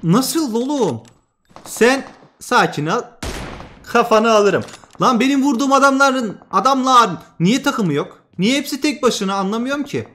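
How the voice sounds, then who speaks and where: A young man hosting a mobile shooter channel, giving excitable, trash-talking live commentary that swings between loud outbursts and muttering. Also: extremely high pitch, slight background noise. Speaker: gaming channel host.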